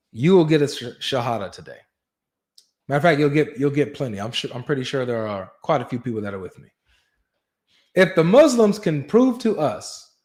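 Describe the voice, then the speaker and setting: A man's voice: medium pitch, a little mellow. A man hosting a live online debate stream, chatty and teasing, slipping into a hyped announcer voice. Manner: playful, teasing, announcer-like hype. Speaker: livestream debate host. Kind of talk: casual live debate chat.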